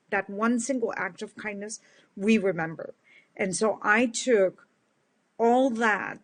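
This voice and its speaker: Addressing her followers in an earnest, heartfelt live stream, a kindness speaker from the Netherlands in her fifties talks in a big, booming voice.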